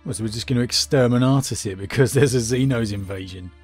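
A man's voice: mid-range voice, fast, darkish tone, slightly rough, faint music behind. A man giving casual gameplay commentary as he plays. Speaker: let's player commenting on a game.

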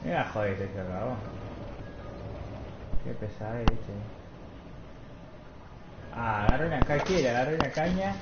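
A man with an Argentine accent chatting excitedly with friends while playing a video game. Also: medium pitch, normal speed, long pauses, heavy background noise. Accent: Argentine Spanish. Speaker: gamer streamer. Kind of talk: casual gameplay chatter. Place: home room. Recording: roomy, dull lo-fi with loud game music.

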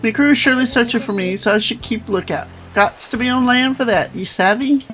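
A woman's voice: on the high side, a little fast, fairly bright tone, soft background music, lightly acted. A woman reading game dialogue aloud, voicing a boastful male pirate seagull in salty sailor talk. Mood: dramatic.

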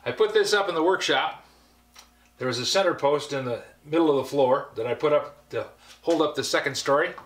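A brisk, slightly high male voice belongs to an older woodworker leading a casual, folksy shop tour. He rambles through anecdotes and dry asides in his cluttered indoor basement workshop, captured in an echoey room.

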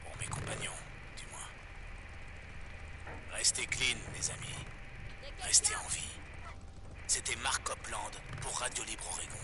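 A man's voice: medium pitch, wildly swooping pitch, unhurried, long pauses, background noise. An actor playing an opinionated, exasperated man of authority in a video game. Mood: preachy, scornful.

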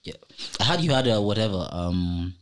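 A man's voice: fairly low pitch, normal speed, slight background noise. A young man hosting a studio podcast, joking around and telling playful stories. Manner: playful, joking, animated storytelling. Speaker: podcast host. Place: small indoor podcast studio. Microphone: studio microphone on a boom arm.

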